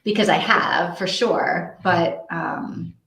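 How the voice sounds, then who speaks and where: In an echoey, untreated indoor room, a woman hosts a casual live reading sprint stream, rambling as she thinks out loud. Her voice is lowish and gravelly and her pace is slow, with heavy background noise in the recording.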